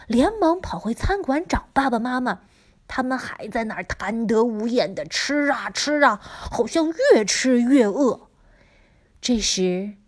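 Slow, lively woman telling a children's story. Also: on the high side. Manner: expressive, drops to dramatic whispers. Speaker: teacher and storyteller.

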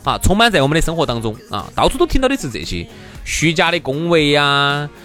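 A man's voice: on the high side, big pitch swings, brisk, sharp tone, soft background music. A man with a Sichuan accent co-hosting a radio show with joking banter. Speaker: radio co-host. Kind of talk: bantering talk show chat.

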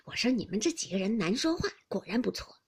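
Woman doing a placating young gentleman. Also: a little high, sing-song, quick pace, slightly rough, heavily acted.

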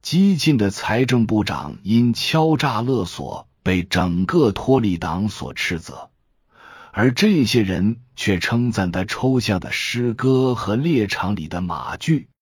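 Male audiobook narrator, low, husky, slow, dry close sound. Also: lively intonation, no room sound.

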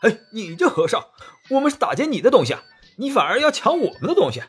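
A blustering bandit chief, as a man puts him on, pushed high and loud, barking threats with a jeering snort. The tone is husky, with faint music behind. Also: huge pitch swings, moderate pace, exaggerated voice. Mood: outraged.

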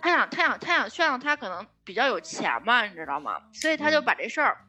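Quick, animated woman telling a story. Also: fairly high pitch. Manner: animated storytelling, blunt and swearing. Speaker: podcast co-host. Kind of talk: casual chat.

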